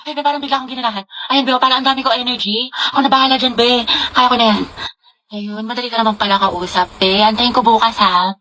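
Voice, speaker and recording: A woman's voice: a little high, steady tone, quick pace, pushed and bright, low-quality recording. A woman with a Filipino accent playing a chatty young student bantering with classmates in a casual comedy skit. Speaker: skit performer.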